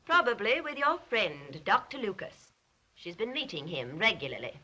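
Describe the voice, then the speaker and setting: Domineering wealthy sister, 1930s film melodrama, clipped, insinuating, animated pitch, forceful tone, old soundtrack. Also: female voice, moderate pace. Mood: sly, cutting. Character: domineering, wealthy older sister, coldly scheming and suspicious.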